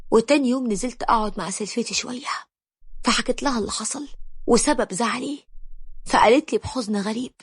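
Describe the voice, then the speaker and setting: A woman's voice: a little high, fast, slightly rough, no room sound, clean studio sound. A young Egyptian woman narrating her own story in the first person, confiding and emotional. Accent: Egyptian Arabic.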